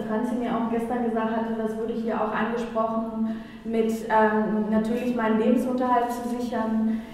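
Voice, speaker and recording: Halting woman from Ecuador, echoey hall. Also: fairly high pitch. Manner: halting, searching for words. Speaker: panel guest. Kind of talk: panel talk. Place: small room with panel audience. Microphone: handheld mic, far camera. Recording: echoey hall from far off, faint noise.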